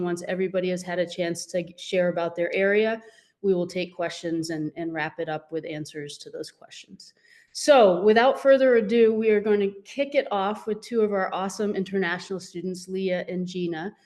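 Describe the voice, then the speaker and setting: A woman's voice: medium pitch, brisk, darkish tone. Upbeat woman hosting an online event. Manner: upbeat, clear instructions. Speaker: admissions event host. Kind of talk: event introduction.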